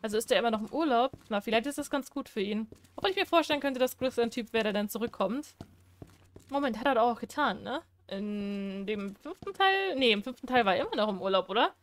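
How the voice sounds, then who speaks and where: A woman's voice: fairly high pitch, lively intonation, fast, slight background noise. Chatty jumpy woman gaming. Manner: chatty, talks to herself and the game, jumpy. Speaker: let's play gamer. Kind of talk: horror game commentary.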